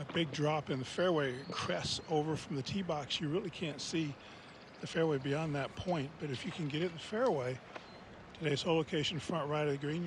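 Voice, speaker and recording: A man's voice: on the high side, noisy background. A man giving live golf commentary in short, descriptive, conversational observations.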